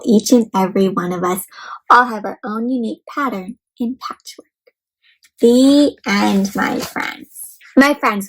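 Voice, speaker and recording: The recording is rough, capturing a woman whose voice is on the high side as she leads an expressive read-aloud for little kids, questioning them and putting things in simple terms.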